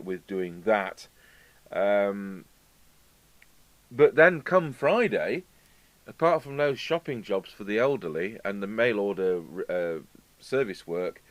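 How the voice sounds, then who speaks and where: An English man from the United Kingdom, a video host and radio repairer, chats and rambles with asides while demonstrating a repair in a casual, unscripted talk to camera. His voice is on the low side, with no echo, over a steady hum and background noise.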